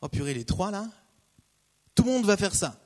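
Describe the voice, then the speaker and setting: A man preaching a casual, conversational sermon, repeating key phrases and breaking off into lively asides. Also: high voice, normal speed. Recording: long hall reverb.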